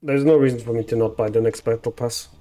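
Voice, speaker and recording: A man's voice: medium pitch, fairly even intonation, fast talker, dark tone. A man streaming a game live, casually chatting, swearing and reading the lines aloud in translation.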